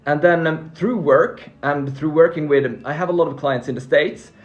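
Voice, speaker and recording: Friendly and upbeat, a Finnish man whose first language is Swedish fields viewer questions about freelancing in a relaxed live Q&A, often restarting and repeating words as he reads the comments. He speaks at a moderate pace in a slightly high voice. The lo-fi recording has faint background music.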